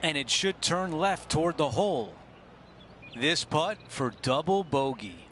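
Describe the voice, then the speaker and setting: A man's voice: a little high, very animated, measured pace, fairly bright tone. A man playing a composed television golf commentator, calling a tournament play by play. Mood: composed, attentive. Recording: crowd and outdoor noise behind.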